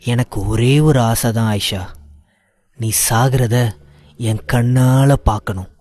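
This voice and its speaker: A menacing young villain, voiced by a male storyteller, taunts his victim in a sneering, mocking tone. He sounds sure of himself and threatening. It suits a dark audio storybook. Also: mid-range voice, steady tone, takes it slowly, close to an everyday voice. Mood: taunting, menacing.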